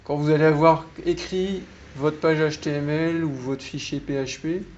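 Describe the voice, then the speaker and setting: A man's voice: on the high side, fairly even intonation, normal speed, a little mellow. A man with a French accent giving a tech meetup talk to an audience, explaining things patiently and putting questions to the listeners. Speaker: meetup speaker. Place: meeting room. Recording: slightly dull room recording with faint noise.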